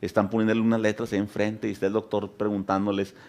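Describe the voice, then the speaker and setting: Male pastor, low gravelly voice, sermon delivery that climbs into fervent peaks. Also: flat delivery, fast. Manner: builds to loud, high, impassioned preaching, addressing "hermanos". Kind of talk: Spanish sermon.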